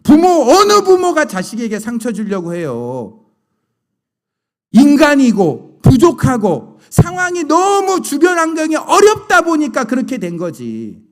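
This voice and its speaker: Middle-aged pastor guy preaching, high voice that jumps all over. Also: a little slow. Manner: animated storytelling, rhetorical questions to the congregation. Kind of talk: sermon.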